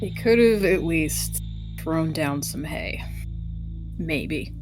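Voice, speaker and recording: Over clearly audible background music, a woman with a low-sitting voice talks slowly and expressively while playing a tabletop RPG, moving in and out of character. She is wry and verbose, and the recording quality is poor.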